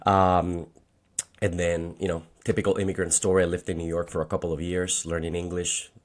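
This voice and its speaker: Around forty and speaking with a Colombian accent, this man, whose first language is Spanish, works as a financial agent and shares personal stories in conversation as a podcast guest. His low voice has a flat delivery and moves a little fast.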